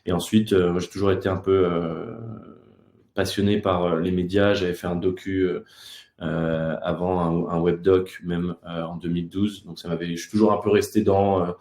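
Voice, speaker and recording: A man's voice: low voice, little pitch movement, moderate pace, a little mellow. A man in his thirties from France, the guest of an online talk show, speaking casually with many hesitations. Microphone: video call. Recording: echoey room.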